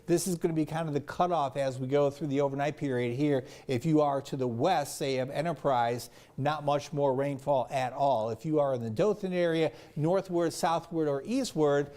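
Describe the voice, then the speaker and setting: A man's voice: a little high, warm tone. A man presenting live weather commentary, explaining things step by step in an unscripted way.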